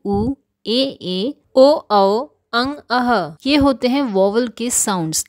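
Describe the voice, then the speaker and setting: A woman with a slightly high voice narrates a grammar lesson in a measured, scripted way. She slows down deliberately on each English example sentence. The recording is close and dry, with no room echo.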